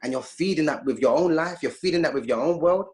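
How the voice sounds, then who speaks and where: A man's voice: a little high, quick pace, darkish tone. A man speaking as an interview guest. He talks in an emphatic, preachy way over a video call. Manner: emphatic, preachy, acts out quoted voices. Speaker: guest speaker, youth activist. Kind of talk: impassioned interview talk.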